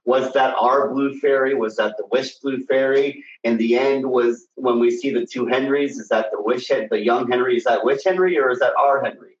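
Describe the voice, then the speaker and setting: A man's voice: mid-range voice, moderate pace, few pauses. A man co-hosting a fan discussion stream in casual chat, hesitant with many ums and restarts, sounding like he is down a well. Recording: echoey, distant, muffled remote audio.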